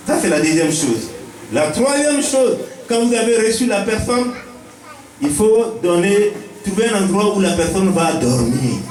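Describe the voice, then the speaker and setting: This Ivorian-accented village chief gives his welcome address like a sermon, working through his teaching one point at a time and coming back to key phrases. He speaks unhurriedly in a high, darkish voice that swings widely in pitch, and the distant recording sounds echoey.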